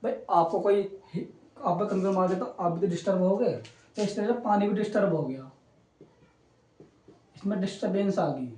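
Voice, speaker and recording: A man's voice: high voice, moderate pace, pauses often, mellow, distant mic. Man teaching physics in an echoey room. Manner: chatty, repeats "ठीक है" and checks on students. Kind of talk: online coaching lecture. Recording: roomy echo, voice away from the mic.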